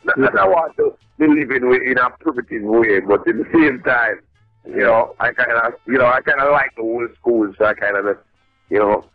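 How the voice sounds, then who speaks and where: A middle-aged reggae artist with a Jamaican accent, heard over a phone line, talking in a laid-back, rambling way with lots of restarts. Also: male voice, mid-range voice, normal speed, dry recording. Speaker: reggae artist calling in as a guest. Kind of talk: casual radio phone interview. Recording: tinny dry phone line with faint music.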